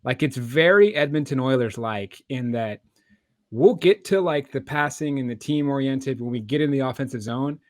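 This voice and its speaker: A man with a mid-pitched voice gives casual sports analysis as a podcast co-host. His phrasing is loose and conversational, and the recording is dry. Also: normal speed, no echo.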